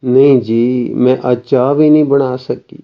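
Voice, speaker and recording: A man's voice: mid-range voice, fairly even intonation, a little slow, dull audio, close to an everyday voice. A man reading the lines of a devoted young woman, in a pleading, self-reproaching way, as part of a story reading. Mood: remorseful.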